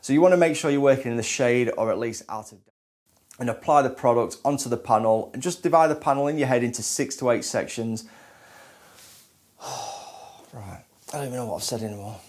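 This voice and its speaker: A man's voice: medium pitch, fairly quick, a little mellow. Male presenter, 30s, instructional read to camera, stumbling and restarting takes. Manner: flubs and restarts lines, repeating takes. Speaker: presenter of car detailing tutorials.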